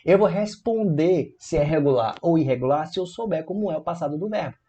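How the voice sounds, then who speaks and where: A Brazilian man teaches English grammar in a video, keeping it playful and lively with stories and rhetorical questions aimed at his viewers. He sounds a little high and husky, and speaks a little fast.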